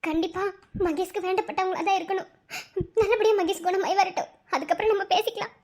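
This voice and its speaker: A woman's voice: extremely high pitch, quick pace, a little mellow. A woman voicing a young pregnant wife in a cartoon, anxious and tender, with a Madurai Tamil accent. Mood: tearful. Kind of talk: cartoon voice acting.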